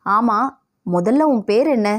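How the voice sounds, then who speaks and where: A woman voicing a gentle, caring middle-aged woman in an audio novel. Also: medium pitch, animated, slow. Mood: kind. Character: kind middle-aged woman, a new neighbour.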